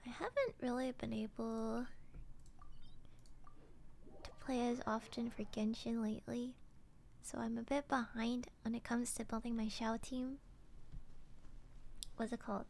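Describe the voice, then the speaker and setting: High-pitched, gravelly-voiced woman streamer. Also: little pitch movement, measured pace, long pauses, darkish tone, a little hiss or hum. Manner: hesitant, many fillers, giggly. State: tired, yawning. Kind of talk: casual chat with live chat.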